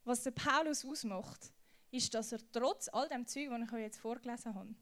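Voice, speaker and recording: Lively young woman preaching. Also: fairly high pitch, normal speed. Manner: lively, slangy storytelling. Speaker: youth preacher. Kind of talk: casual youth sermon.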